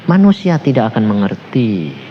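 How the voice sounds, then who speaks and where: Gentle, low-voiced Jesus voiced by a male preacher, slow and tender, on a dull recording. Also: wildly swooping pitch. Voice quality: soft and low. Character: gentle, patient male Jesus, soft-spoken and calm. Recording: slightly dull with faint background hiss.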